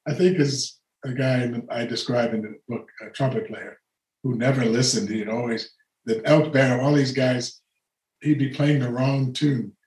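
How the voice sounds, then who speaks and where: A man's voice: medium pitch, steady tone, normal speed, darkish tone. An older man spins long, meandering stories about his past, breaking off to chuckle and starting sentences over. His voice sits in the middle range for a man. The sound carries a noticeable echo, as if he is in a bare room. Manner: rambling anecdotes with frequent laughter and restarts. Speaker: guest, retired orchestral horn player. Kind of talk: relaxed storytelling conversation.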